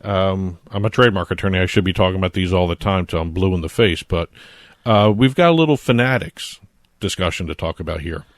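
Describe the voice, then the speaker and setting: A man's voice: low-pitched, a little fast, no room sound, studio quality. A man with a New Jersey accent co-hosting a casual podcast, explaining at length with plenty of fillers. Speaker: co-host, trademark attorney.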